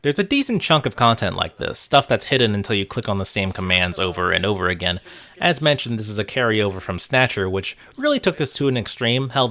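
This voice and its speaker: Over background music, a man narrates a scripted video essay in a lowish, bright voice with a forceful tone. He keeps it wry and conversational, tossing in casual asides and sometimes swearing offhandedly.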